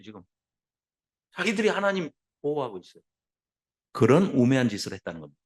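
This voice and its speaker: A man lecturing a Bible class, lively and full of rhetorical questions put to his listeners. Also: fairly high pitch.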